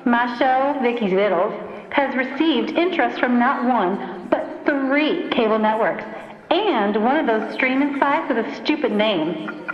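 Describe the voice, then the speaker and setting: A woman playing a gloating female villain in an audio comedy drama, monologuing in a slow, theatrical, menacing manner. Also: a little high, expressive, echoey room, in a large hall, dull audio. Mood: grandiose gloating. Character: gloating theatrical female villain, scheming gourmet of rare creatures.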